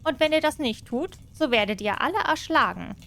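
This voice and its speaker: A cunning cat in boots, voiced by a woman reading aloud, sly and bold, with a raised, brighter voice that quickens when he threatens. He talks his way past anyone in this storybook tale. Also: high-pitched, animated, vocal fry, pitched above the performer's own voice, heavily acted. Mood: commanding.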